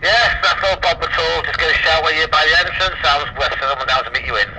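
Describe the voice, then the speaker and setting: A man at the marina answering a boat's call over marine VHF radio, brisk and obliging. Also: a little high, sharp tone, recorded from a distance, rough recording. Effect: heard over a marine VHF radio. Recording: thin radio speaker from across the boat.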